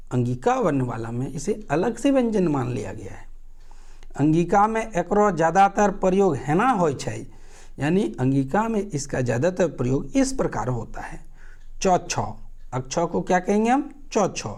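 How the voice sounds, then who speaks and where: A male teacher with a somewhat high voice and a very lively, sweeping pitch takes his time over each point. He poses questions and answers them himself, then says each sound aloud for his students. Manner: explains slowly, asks and answers his own questions, models sounds aloud. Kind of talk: live online exam-prep class.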